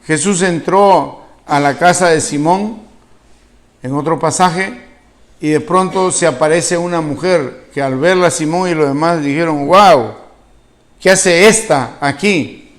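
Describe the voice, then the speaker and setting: A Venezuelan man preaching a sermon with a fairly high voice, telling the story with animation. He puts questions to the congregation and acts out each speaker's words with a changing voice. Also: a little slow. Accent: Venezuelan Spanish. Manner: acts out the quoted speakers with a shifting voice. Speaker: pastor.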